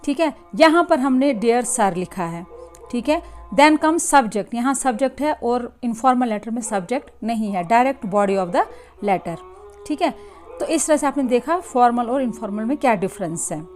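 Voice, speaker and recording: Hindi-speaking woman teacher, slightly high voice. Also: animated, a little mellow, faint music behind. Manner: mixes Hindi and English, slow deliberate English phrases, frequent "theek hai" checks. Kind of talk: classroom lesson explaining slides.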